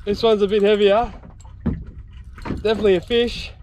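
A young Australian man with a high, level voice talks at a normal speed, giving laid-back, matey vlog commentary from a small open boat at sea. He's a fishing vlogger, and the outdoor recording on open water is noisy.

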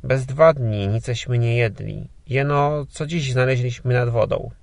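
A man's voice: mid-range voice, steady tone, unhurried, vocal fry, dry recording. A man voicing a poor, humble peasant giving short, meek answers in a storybook.

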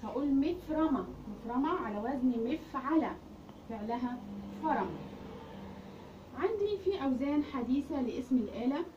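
A woman's voice: high-pitched, lively intonation, moderate pace. A woman with an Egyptian Arabic accent teaching a grammar lesson, asking questions and then answering them herself. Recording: roomy, distant, muffled recording with faint hiss.

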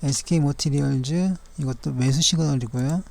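A man with a gravelly, mellow, dark-toned voice walks through stock charts one by one. His delivery is measured and formal, with polite fillers and the occasional self-correction. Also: mid-range voice. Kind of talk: daily stock chart review narration.

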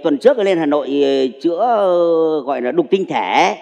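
A man's voice: a little high, expressive, normal speed, vocal fry, a little mellow, in a large hall, lo-fi sound. A man, playing a boastful, flirty suitor in his sixties in a stage comedy sketch. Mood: chatty. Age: 60s. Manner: cheeky, suggestive banter. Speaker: comic actor.

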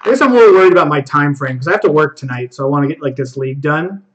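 A young man narrates his card game live, talking half to himself with quick asides and frequent self-criticism. His voice sits a little on the high side for a man, and his delivery is loose and conversational. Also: dull audio. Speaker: streamer playing a card game. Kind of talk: live gameplay commentary.

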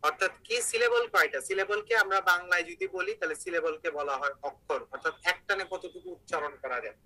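A man's voice: sits high, fast, bright, forceful tone, low-quality recording. A man teaching an online English grammar class, explaining step by step and asking his students questions.

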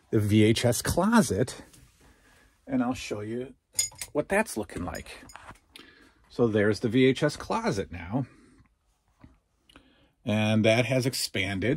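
Male, thirties, husky voice, casual wandering room-tour vlogger filming on a handheld phone, dry sound. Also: medium pitch, darkish tone, no echo. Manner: rambling, self-questioning; walking around while filming. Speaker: collector vlogger. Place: small basement collection room, indoors. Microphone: phone held at arm's length.

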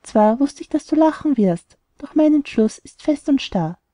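A woman's voice: high voice, expressive, normal speed, warm tone, no echo. A woman voicing a lovesick, stubborn young man in an audiobook, delivering rhymed verse earnestly. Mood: determined.

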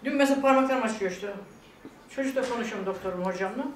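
An older woman, a guest on a vlog, discusses her illness in a fast, heartfelt casual conversation, her voice on the high side. Tearful and laughing by turns, she quotes what others said. She's recorded from a bit of a distance in a reverberant room with faint noise behind.

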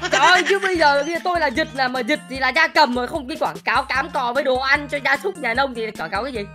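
A woman's voice: sits high, fast talker, bright, forceful tone, faint music behind. A woman voicing a boastful, greedy young male duck superhero in a game role-play. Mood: joking. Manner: brash, bragging, bargaining.

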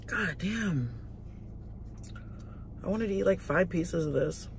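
A woman's voice: on the low side, a little fast, vocal fry, darkish tone, a little hiss or hum. A woman vlogger telling a casual story while eating in a car, chatty and full of swearing and "like". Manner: chatty, profane, lots of "like". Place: inside a parked car.

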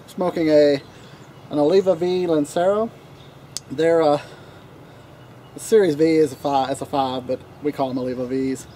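A man with a Southern accent chatting casually to camera about cigars, relaxed and rambling with lots of fillers, recorded outdoors on a deck. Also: a little high, moderate pace, pauses often, slight background noise. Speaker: cigar vlogger.

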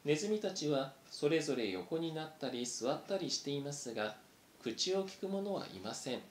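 A man narrating a novel aloud in a steady, even reading voice. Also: on the high side, moderate pace. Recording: roomy echo, faint noise.

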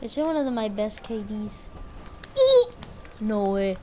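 A woman streaming a shooter game with a friend, chatting casually with sudden excited outbursts. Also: mid-range voice, takes it slowly, noisy background. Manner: excited outbursts between calm play talk. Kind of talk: casual gaming chat.

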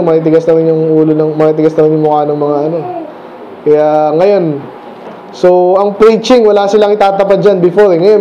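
High-voiced Filipino-style pastor preaching casually. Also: male voice, warm tone, lo-fi sound, slight background noise. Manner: explains verses by question and answer with the congregation; reads scripture slowly, then talks fast and casually. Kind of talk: sermon.

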